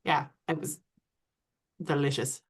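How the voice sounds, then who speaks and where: A woman's voice: low voice, fairly even intonation, slow pace, breathy edge. A woman podcast guest chatting casually about a family tradition. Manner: chatty with restarts. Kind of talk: casual panel chat.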